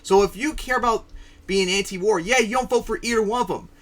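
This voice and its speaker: A man's voice: high voice, a little fast, fairly bright tone. A man hosting a casual political chat show, ranting and swearing, with many fillers. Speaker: podcast host.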